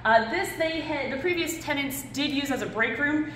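Her voice sits high and she talks at normal speed as this young woman excitedly tours an empty warehouse and bare rooms for her vlog, projecting on camera. A crowd can be heard in the background, and the short-distance camera mic picks up echo and noise.

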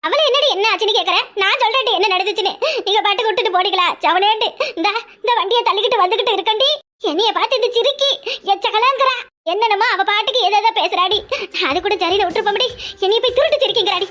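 Woman voicing a shrill quarrelsome village auntie. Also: fairly bright tone. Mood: complaining. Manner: shrill, scolding, rapid-fire taunts. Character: loud quarrelsome middle-aged village woman. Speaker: cartoon character. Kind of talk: cartoon voice acting.

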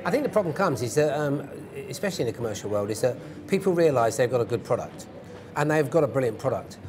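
A man's voice: mid-range voice, expressive, fast talker. A British man in his fifties explaining things in an interview in an instructive, emphatic way, repeating phrases for stress. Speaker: interview guest, former police hostage negotiator. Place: indoor event interview stage. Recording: crowd murmur behind voices. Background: crowd murmur.

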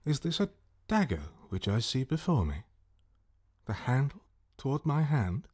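A man's voice: mid-range voice, big pitch swings, a little slow, darkish tone, slightly rough. An actor playing Macbeth, a tormented nobleman turned murderer, declaiming Shakespearean verse in a classical radio drama. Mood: grim, haunted. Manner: brooding, theatrical declamation.

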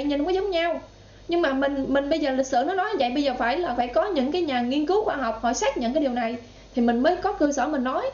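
A woman's voice: high voice, darkish tone. A woman with a Southern Vietnamese accent giving political commentary in a vlog, indignant and talking straight to her viewers. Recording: roomy, slightly dull sound.

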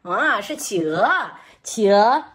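A middle-aged woman teaching young children through interactive storytelling, animated and exaggerated, repeating phrases and asking questions. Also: medium pitch, slow pace, slightly rough. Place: indoors at home, small room.

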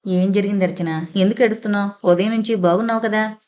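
A woman reading as a caring female friend who speaks softly and reassuringly. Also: medium pitch, steady tone, fast, natural voice. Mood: soothing. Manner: soft, reassuring. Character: caring gentle female friend, soothing and firm.

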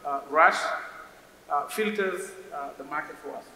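A Senegalese man in his forties, an investor on a conference panel, speaks in a slightly high, sharp voice at an unhurried pace. He's thoughtful, often repeating words while searching for his next phrase. A stage microphone on a stand captures him on a large conference hall stage, with roomy reverb and faint hiss.

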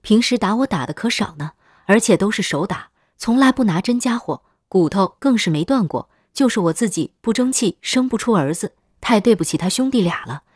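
A woman's voice: medium pitch, lively intonation, brisk, darkish tone, slightly rough, dry recording, clean studio sound. Woman reading as a pleading village wife. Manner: pleading, wheedling. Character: desperate village woman who bought a bride.

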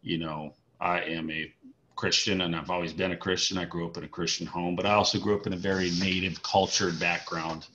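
A man with a very deep yet bright, forceful voice hosts an interview, reacting effusively to his guest's stories. The lo-fi audio sounds dull. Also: flat delivery, a little fast. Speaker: interview host. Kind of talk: casual interview chat.

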